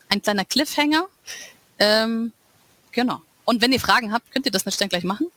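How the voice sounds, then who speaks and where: A woman's voice: fairly high pitch, sharp tone. A woman author reading from her own novel and chatting casually with listeners in between.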